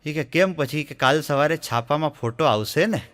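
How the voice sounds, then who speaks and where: A male stand-up comedian with a Gujarati accent tells one joke after another. He narrates in a folksy way and slips into quick voices for the people in each story. His voice sits a little high for a man. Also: noisy background. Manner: folksy storytelling, acting out voices in quoted dialogue.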